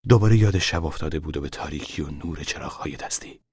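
A man giving scripted narration for a radio drama in a measured, steady way. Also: rumbling low, breathy edge, no echo, clean studio sound.

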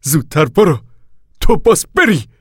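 A man voicing a stubborn male preacher who gives urgent commands in a husky voice. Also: medium pitch, darkish tone, no room sound, studio quality, pitched above the performer's own voice, close to an everyday voice.

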